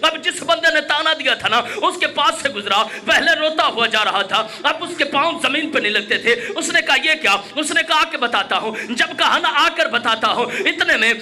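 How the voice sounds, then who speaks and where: A Pakistani cleric with a very high, piercing voice tells a story as a sermon, voicing each character in turn. His tone is sharp and forceful, and at the peaks he rises into shouted, chanted lines. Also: lively intonation, normal speed, few pauses. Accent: Pakistani Urdu. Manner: dramatic, acts out dialogue, rises to shouted climaxes. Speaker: Shia cleric reciting a majlis. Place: mourning gathering hall.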